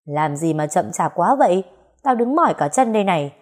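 A gruff, deep-voiced older village matron, stout and fierce, who barks orders and will not take no for an answer, as a woman storyteller puts her on. Her voice sits low and pushes out loud and forceful. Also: sing-song, brisk. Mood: domineering.

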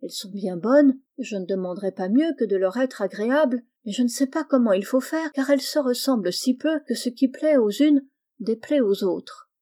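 A woman's voice: a little high, lively intonation, normal speed, warm tone, natural voice. A woman voicing a sickly, wistful orphan girl who speaks in a plaintive, pleading way.

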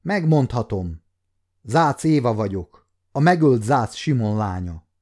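A frightened young woman who turns defiant, crying out in anguish in an audiobook scene, voiced by a man. The tone is dark and mellow. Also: mid-range voice, lively intonation, lightly acted. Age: 50s. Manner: cries out in anguish.

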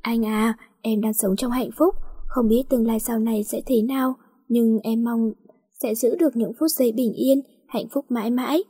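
Brief: a pouty young wife in a storybook, slightly high and breathy, voiced by a woman narrator. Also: steady tone, moderate pace, warm tone, dry recording, studio quality. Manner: pouty, curt replies. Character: young wife, teasing and sulky.

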